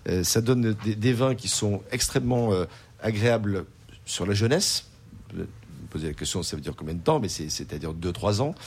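A man's voice: fairly low pitch, expressive, moderate pace, breathy edge. A man who is a sommelier and restaurant owner, explaining wines on a radio show with frequent hesitations and repeated words. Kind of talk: wine talk on radio.

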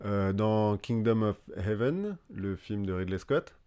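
A man's voice: on the low side, expressive, slow pace, mellow, clean tone, dull audio. A man co-hosting a casual history podcast, chatty and joking, often restarting his sentences with fillers. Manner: joking asides. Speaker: podcast co-host.

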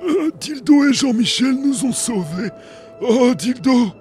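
A bumbling, crude wizard from a fantasy parody. His voice is extremely high and hesitant, with light music behind it. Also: animated, takes it slowly, darkish tone, heavily acted. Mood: matter-of-fact. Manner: hesitant, matter-of-fact crudeness. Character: bumbling, crude, easily tired male wizard. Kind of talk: parody fantasy cartoon acting.

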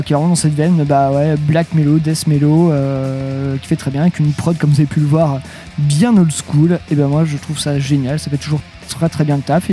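Male radio host, mellow tone, faint music under, hesitant chat. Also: fairly high pitch. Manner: hesitant, lots of fillers.

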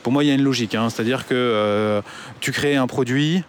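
A man's voice: medium pitch, a little fast, a little hiss or hum. A man ranting casually to his audience, blunt and full of swearing and hesitant fillers. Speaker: online business commentator. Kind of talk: casual rant to camera.

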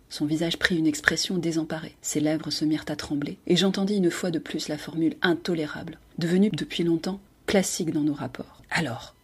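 Husky-voiced woman reading a novel aloud. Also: deep voice. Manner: measured, expressive literary reading. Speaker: host and reader. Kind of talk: audiobook narration.

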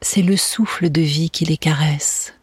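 In a medium-pitched, fairly even whisper, a meditation guide talks very slowly in a soothing spa style. The voice is extremely breathy and hushed, recorded close and dry with almost no room sound and no echo.

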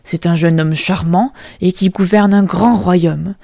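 A stern old king of a storybook, speaking low and firm, with a woman reading his part. The voice is mellow and dry, close to the mic. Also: steady tone, unhurried, creaky, no room sound. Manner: lowered, firm.

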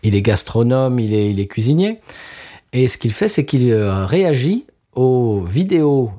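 A man co-hosting a relaxed conversation at a middle pitch, his voice rising and falling in a lively way. He stammers and restarts often as he talks. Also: unhurried. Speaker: podcast co-host. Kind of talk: casual chat.

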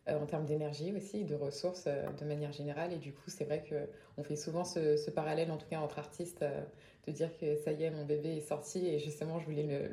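A woman musician answers a podcast question in a very low, warm voice, pausing often with fillers as she works out her thoughts. Her voice carries a roomy echo. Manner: thoughtful, hesitant, many fillers. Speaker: singer-songwriter guest. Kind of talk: casual interview.

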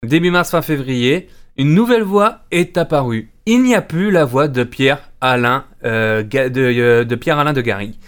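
Lively, smooth-voiced male host. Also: mid-range voice, moderate pace, few pauses. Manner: hesitant, many fillers. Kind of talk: casual podcast hosting.

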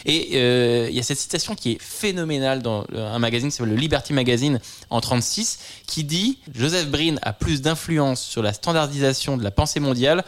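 A man hosting a casual chat about film history, speaking thoughtfully and often pausing on hesitation sounds. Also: medium pitch, lively intonation.

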